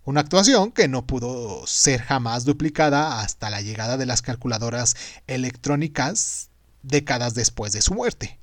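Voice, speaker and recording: A man hosting and narrating a scripted story in a dramatic, emphatic way with deliberate pauses. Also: mid-range voice, expressive, no echo, clean studio sound. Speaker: podcast host and narrator.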